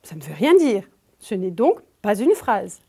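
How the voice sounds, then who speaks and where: A woman's voice: medium pitch, sing-song, dark tone, breathy edge. A woman with a French accent teaching a grammar lesson to children, speaking to the pupil directly and stressing key words. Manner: slow, emphatic, addresses the pupil directly.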